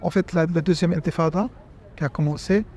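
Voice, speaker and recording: A man from Jordan talking in an interview, sincere and halting, often restarting his sentences. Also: on the high side, fairly even intonation, a little mellow. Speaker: interview guest. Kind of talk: conversational interview.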